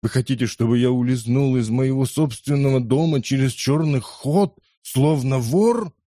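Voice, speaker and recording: A man's voice: medium pitch, a little slow, warm tone, no echo, clean studio sound, voice pushed up, natural voice. A man voicing a proud, querulous, very old lord in an audiobook. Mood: defiant. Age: older.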